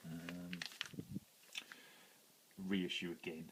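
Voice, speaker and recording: A man's voice: low voice, monotone, very slow, slight background noise, rough recording. A British man casually showing his record collection, rambling with plenty of ums and self-corrections. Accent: British English. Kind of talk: casual show-and-tell vlog.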